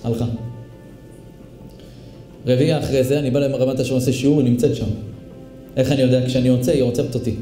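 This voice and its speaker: A man's voice: mid-range voice, fairly even intonation, pauses often, dark tone. A male rabbi telling a story in a sermon, dramatically acting out the people in it. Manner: dramatic storyteller who acts out the voices. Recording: echoey room with faint music.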